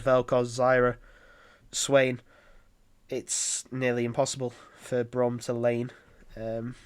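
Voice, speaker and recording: A man's voice: medium pitch, slight background noise. A man casting a live esports match solo on his own streaming mic, chatty and rambling with lots of fillers. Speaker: esports caster. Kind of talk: live game commentary.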